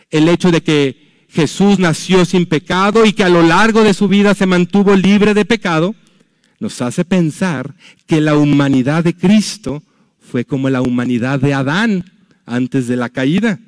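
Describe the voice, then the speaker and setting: A man preaching a sermon, telling stories dramatically and dropping to a hush for emphasis. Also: a little high, measured pace, no room sound. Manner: dramatic storytelling with sudden drops to a hush. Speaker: pastor.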